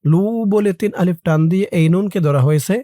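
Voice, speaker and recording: A Quran reading teacher giving a lesson, sounding out each syllable and rule, then reciting the verse slowly in a slightly higher voice. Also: mellow, no room sound, studio quality. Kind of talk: Quran reading lesson, spelling out letters and vowels.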